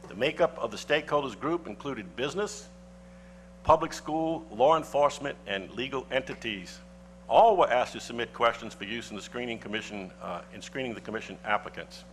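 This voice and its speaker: A parish council member, a man with a mid-pitched voice, reads a prepared objection at a council meeting. His delivery is formal and deliberate, heavy with legal citations. A faint hum runs under the broadcast recording. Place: council chamber.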